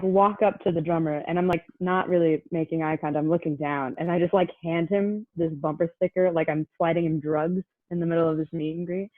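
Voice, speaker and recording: A young woman tells a story in a loose, chatty way, filling it with "like" and acting out what others said. The sound is thin and tinny, as if over a phone line, with no room echo. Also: on the low side. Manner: chatty, many "like" fillers, acts out quotes. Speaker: guest. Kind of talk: casual storytelling.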